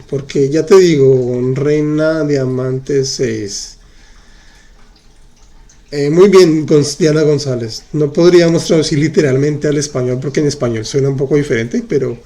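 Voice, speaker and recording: A French teacher with a fairly high, mellow male voice leads a live online class. He patiently repeats examples and answers questions from viewers in the chat, explaining slowly and going over things again.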